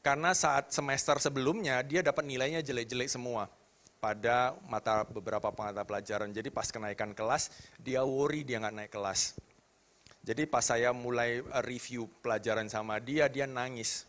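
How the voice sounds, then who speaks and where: A man in his thirties preaching to a youth congregation, animated, asking the crowd questions. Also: medium pitch, normal speed. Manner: animated, rising to loud emphatic questions, drops to soft tender tones. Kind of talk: sermon to youth.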